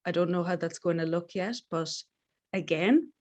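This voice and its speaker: A woman's voice: lowish voice, moderate pace, a little mellow, muffled recording. A middle-aged woman with a west of Ireland accent, talking casually and reflectively as an interview guest in a candid, informal way. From Galway, west of Ireland. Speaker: podcast guest, life coach.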